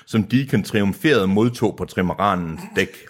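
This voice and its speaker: A man's voice: deep voice, lively intonation, breathy edge. A man co-hosting a podcast, reading a novel aloud and breaking off for joking asides. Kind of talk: reading aloud with casual chat.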